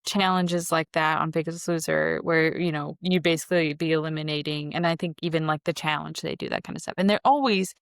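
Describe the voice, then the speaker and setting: A woman's voice: low voice, steady tone, a little fast, vocal fry, hardly any pauses, clean tone, no echo, clean studio sound. A woman in her thirties co-hosting a podcast, chatting casually and giving blunt opinions. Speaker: podcast co-host. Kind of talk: casual chat.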